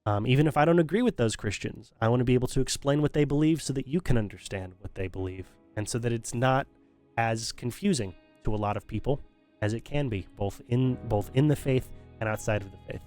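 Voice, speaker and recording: A male streamer signs off casually to his viewers, rambling with lots of restarts and fillers, his voice strained and still recovering. He speaks at medium pitch, fairly quickly and a little mellow, with faint music in the background.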